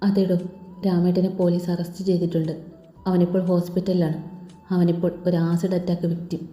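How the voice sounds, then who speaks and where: A woman voicing a gentle, grieving young husband who is a lawyer, speaking in quiet, low-key replies. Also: level tone, fairly quick, close to an everyday voice. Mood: somber. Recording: echoey lo-fi room with faint music.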